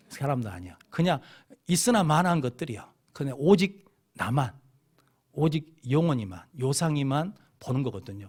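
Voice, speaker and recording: A man's voice: a little high, darkish tone. A middle-aged man with a Jeolla accent, a pastor telling stories in a sermon and putting questions to his congregation. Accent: Jeolla Korean. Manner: storytelling preacher who keeps asking the congregation questions. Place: church sanctuary.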